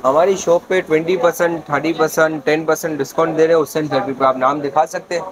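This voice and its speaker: A man's voice: fairly high pitch, steady tone, quick pace, a crowd in the background, rough recording. A man with a Pakistani Urdu accent, a shopkeeper inviting shoppers in to see his new stock. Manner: inviting, urges viewers inside. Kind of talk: sales pitch to camera.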